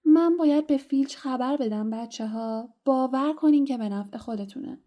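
A woman's voice: high voice, highs cut off, pitched above the performer's own voice, close to an everyday voice. A woman voicing a spiteful male poltergeist who cackles and taunts. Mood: taunting. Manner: cackling, taunting, sing-song.

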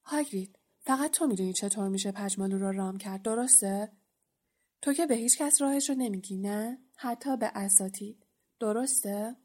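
Storybook: woman reading as an anxious boy pressing for answers, lightly voiced, slightly high. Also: animated, few pauses, warm tone, slightly rough. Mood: worried. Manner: anxious questioning. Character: young schoolboy, worried and probing.

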